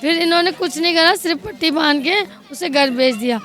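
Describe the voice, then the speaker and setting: A woman's voice: extremely high pitch, a little fast, fairly bright tone. A middle-aged woman giving a distressed, pleading account in a street interview outdoors. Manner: distressed, pleading, tearful at times. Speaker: victim's stepmother.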